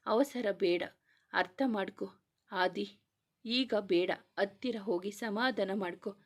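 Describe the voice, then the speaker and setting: Give me a calm, reasoning young man in a storybook, voiced by a woman. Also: medium pitch, slow pace. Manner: soothing, reasoning. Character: calm young man restraining his friend. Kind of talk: reading a serialized romance novel aloud.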